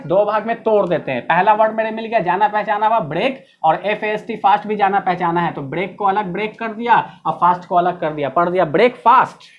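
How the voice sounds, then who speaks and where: A woman with an Indian accent teaching a pronunciation class, spelling out words letter by letter and repeating them. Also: mid-range voice. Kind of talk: classroom lesson. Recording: dull, slightly lo-fi recording.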